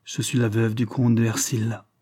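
A man voicing a frightened, grieving young noblewoman who is proud and cold, in a husky, tense, pleading voice. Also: mid-range voice, level tone, normal speed, mellow, close to an everyday voice. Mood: stunned.

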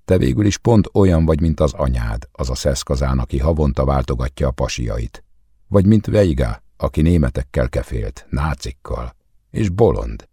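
A man with a very deep, husky voice voicing a jealous young man who accuses and rants angrily in an audiobook. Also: expressive, dark tone, no room sound, studio quality, heavily acted. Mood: drunk raging. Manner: angry, accusing, raised voice.

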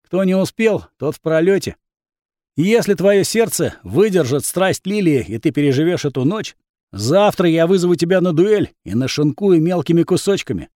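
A man voicing a vain, boastful young swordsman who talks down to others and loses his temper fast. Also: on the high side, expressive, mellow, dry recording, studio quality, lightly acted. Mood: cocky. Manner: boastful, contemptuous, hot-tempered.

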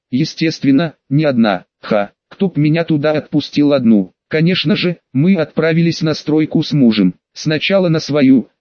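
Guy reading an audiobook, even pace, dry dull sound. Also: fairly high pitch, no echo. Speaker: audiobook narrator. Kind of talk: scripted first-person narration.

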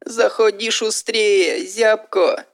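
A man voicing a fretful, pious old village widow who laments in drawn-out, folksy sighs, with faint music behind. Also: high voice, steady tone, a bit bright, slight background noise, pitched above the performer's own voice, heavily acted. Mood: brisk. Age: older.

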